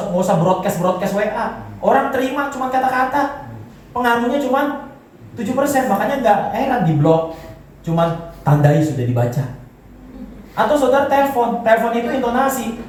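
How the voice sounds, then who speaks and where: A man's voice: very high-pitched, lively intonation, fairly quick, a little hiss or hum. A man, a pastor, giving a joking and conversational sermon to a congregation and leading them in gestures. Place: large church hall. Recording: echoey hall, voice from far off, faint music.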